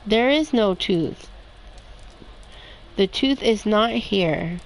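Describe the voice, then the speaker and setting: A woman reading children's picture books aloud in a slow, expressive storytime manner. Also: medium pitch, vocal fry, slight background noise, rough recording. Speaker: storybook reader.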